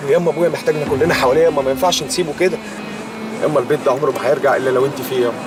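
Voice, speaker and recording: A man's voice: medium pitch, steady tone, rapid-fire, natural voice. Pleading Egyptian son, played by a man. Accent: Egyptian Arabic. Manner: insistent, pleading. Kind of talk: TV series acting. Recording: loud music score behind.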